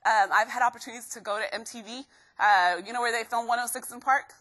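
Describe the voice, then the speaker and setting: A young woman from Guatemala gives a lively motivational talk to a room of students. Her voice is bright and forward, sitting a little high, and she keeps tossing questions out to the crowd. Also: fast. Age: young adult. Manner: energetic, keeps quizzing the crowd. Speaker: motivational speaker.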